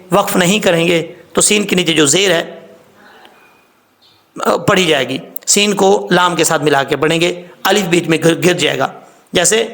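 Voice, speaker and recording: A man teaching Quran recitation rules, patiently explaining step by step, spelling out sounds slowly and repeating rules about common mistakes. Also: high-pitched, gravelly, fairly bright tone. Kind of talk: tajweed lesson.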